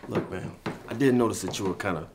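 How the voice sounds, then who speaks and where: A man playing a concerned friend who speaks calmly and earnestly. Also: lowish voice, fast talker, lightly acted. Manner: calm and earnest. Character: concerned friend, calm and steady. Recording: distant mic, echoey room, loud noise.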